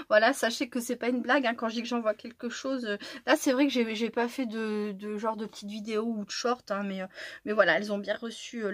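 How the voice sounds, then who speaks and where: A woman chatting casually through a scrapbooking tutorial, excitable and tired, with many fillers and restarts. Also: on the high side, no room sound, clean studio sound. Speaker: scrapbooking vlogger. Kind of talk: casual crafting tutorial chat.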